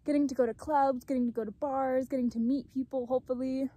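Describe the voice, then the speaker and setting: Talking fast with fairly even intonation, a twenty-year-old woman gives a casual, reflective vlog outdoors in a dry mountain meadow, her high voice warm and free of room sound. She rambles, mocks herself and swears often. The phone is held at arm's length and later propped on the ground.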